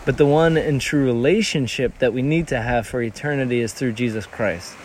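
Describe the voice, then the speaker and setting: A man who grew up in Tanzania speaks earnestly as a missionary in a conversational interview, telling stories and restarting often. His medium-pitched voice is brisk and a little mellow, with a bit of hiss or hum in the recording.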